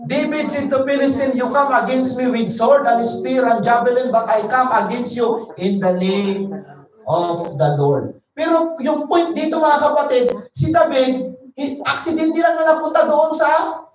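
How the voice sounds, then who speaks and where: A woman preaching a Bible study sermon. She reads verses slowly and then explains them in a conversational way. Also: high voice, darkish tone. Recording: echoey room, voice from a distance.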